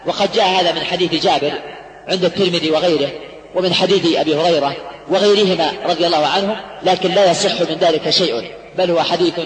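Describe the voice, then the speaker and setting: A man teaching a methodical lesson to students, explaining point by point and pausing to put questions to the class. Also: fairly high pitch. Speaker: religious teacher. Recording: echoey hall with long reverb.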